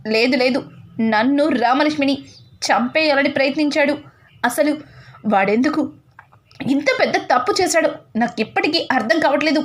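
A woman's voice: high voice, moderate pace, long pauses, lightly acted. A woman voicing an angry young husband who demands answers from his younger brother, repeating his questions. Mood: reproachful.

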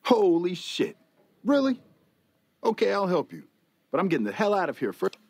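An actor playing a jaded, foul-mouthed, streetwise casino hustler in a video game, blunt and defensive, with a husky voice. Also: male voice, high voice, wildly swooping pitch, moderate pace, darkish tone, dry recording, full character voice. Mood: startled. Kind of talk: video game character dialogue.

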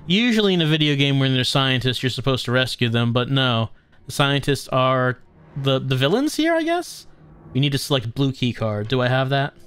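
A man's voice: medium pitch, sing-song, normal speed, fairly bright tone, clear, resonant tone. A man hosting a gaming video, chatting casually and musing as he plays. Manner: musing, conversational. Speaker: gaming channel host. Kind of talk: casual game commentary.

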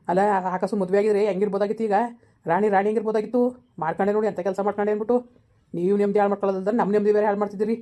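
Woman acting as a resentful elder brother, very rapid, dark voice. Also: medium pitch, lightly acted. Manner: scolding, blunt. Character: stern, resentful elder brother, grudgingly helpful. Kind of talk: amateur village drama.

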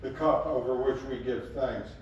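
A man acting as pastor recites a communion liturgy at a measured, solemn pace. He sounds set back from the microphone, and the chapel's strong echo rings around every phrase. A faint hum of room noise sits underneath. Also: mid-range voice, steady tone, recorded from a distance, lo-fi sound.

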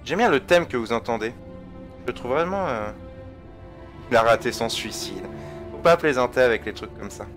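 A man's voice: medium pitch, animated, moderate pace, pauses often, soft background music. A man giving casual let's-play commentary, chatting with viewers and trailing off mid-sentence. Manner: chatty, talks to viewers and chat, laughs, trails off. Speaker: gamer.

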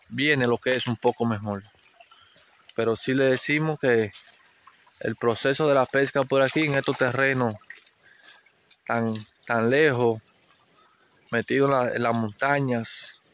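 A middle-aged man narrating live as a vlog host, talking to viewers outdoors by a forest stream with halting, repetitive commentary. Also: medium pitch, a bit bright, slight background noise. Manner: talks to viewers, repeats phrases, halting restarts. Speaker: vlog host narrating a crab-fishing outing.

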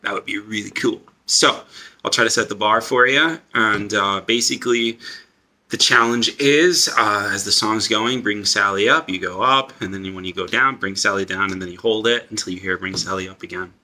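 A man's voice: fairly low pitch, normal speed, bright, forceful tone. A man in his twenties chatting casually to camera in a homemade vlog. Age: 20s. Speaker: teacher doing a fitness challenge video. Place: carpeted living room, indoors. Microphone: phone on the floor close by. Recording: faint background noise.

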